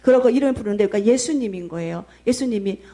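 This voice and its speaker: A middle-aged woman pastor preaching a sermon, telling a story in an emphatic, animated way. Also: medium pitch, very fast.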